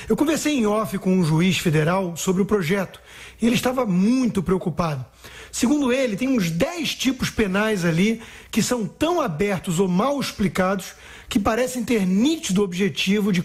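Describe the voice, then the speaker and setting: A man's voice: high voice, breathy edge. A man reading a prepared political opinion piece on the radio in a firm, emphatic way. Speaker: political commentator. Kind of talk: scripted radio opinion commentary.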